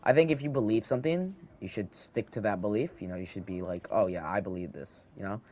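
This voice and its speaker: A teenage boy with a slight lisp hosts a gaming channel, rambling and thinking aloud into a handheld mic while he plays a video game at home, often restarting his sentences. His voice is on the low side, fast and a little mellow, with slight background noise.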